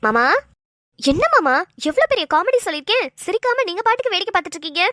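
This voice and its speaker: A woman's voice: extremely high pitch, fast, no echo, full character voice. A woman voicing a chatty young wife who teases and tells stories, close and dry. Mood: teasing. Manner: chatty, teasing, animated storytelling.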